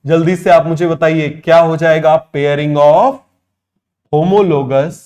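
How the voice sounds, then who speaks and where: A man teaching biology in a fast exam-prep lecture, firing quick questions at students and repeating key terms slowly, mixing with terms. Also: fairly high pitch, steady tone, a little mellow, lo-fi sound. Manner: rapid, drilling questions, repeats answers slowly.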